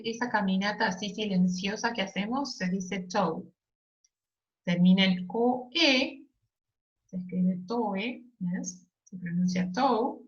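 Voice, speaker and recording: A woman teaching an English lesson, explaining slowly and patiently and checking in often with "yes?" and "ok?". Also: medium pitch, fairly bright tone, dull audio. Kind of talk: recorded online lesson.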